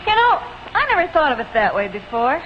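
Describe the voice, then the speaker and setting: Young American woman factory hand, high and pert, 1940s training film, noisy old soundtrack. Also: sing-song, a little fast, dull audio. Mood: conceding. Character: young female drill press worker, pert. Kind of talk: 1940s instructional film acting.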